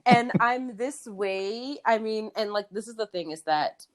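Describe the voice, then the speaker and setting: A woman's voice: fairly high pitch, a little slow, a crowd in the background. A young woman co-hosting a podcast, talking candidly and with lots of laughter, restarts and fillers. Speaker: podcast co-host. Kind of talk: casual chat.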